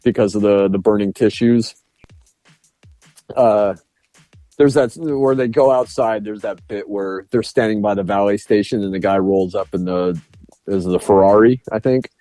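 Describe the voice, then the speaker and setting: A man's voice: fairly low pitch, moderate pace, dry recording, soft background music. A man co-hosting a podcast, casually talking through a film review with laughs and restarts. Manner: animated retelling with frequent laughs and restarts. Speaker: podcast co-host.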